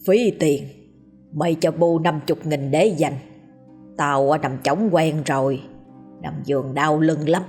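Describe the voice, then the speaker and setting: A woman's voice: deep voice, steady tone, takes it slowly, a little mellow, faint music behind. A woman voicing a miserly, fretful old grandmother in a storybook tale who scolds and laments in a rustic way. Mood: grumbling.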